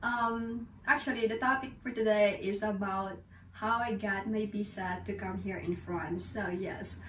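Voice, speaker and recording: A woman's voice: medium pitch, steady tone, a bit bright, slight background noise. A young Filipino woman with a Filipino accent, chatting in a home vlog and giggling between sentences, recorded by a camera across a small room. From Philippines. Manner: giggly, chatty, slow and explaining. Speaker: vlogger. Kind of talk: casual vlog. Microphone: camera at a distance. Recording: echoey room, voice a little far from the mic.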